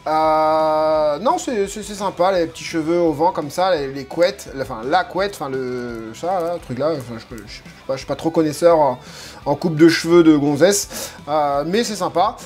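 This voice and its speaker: A man's voice: on the high side, normal speed, darkish tone. A man casually commenting on a figurine unboxing, joking and rambling with lots of hesitant fillers. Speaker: unboxing video host. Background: faint background music.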